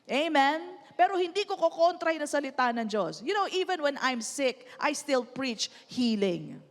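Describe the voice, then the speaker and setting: A Filipino woman pastor preaches a sermon in a high, ringing voice. Her words echo with a long reverb through a church hall. She often stops to have the congregation repeat lines after her. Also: big pitch swings, unhurried. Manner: mixes English and Tagalog, asks the church to repeat lines.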